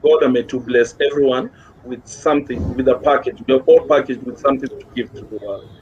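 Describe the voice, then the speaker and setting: In a muffled recording with clear background noise, a Kenyan music guest talks encouragingly in a casual interview, repeating phrases and blending English with Swahili slang. His tone is steady, his pitch medium, and he speaks a little fast.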